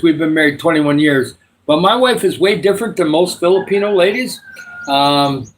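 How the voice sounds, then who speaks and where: This live-stream host, a man in his sixties, wanders through rambling conversation with viewers and prays for them, his voice on the high side and a bit bright.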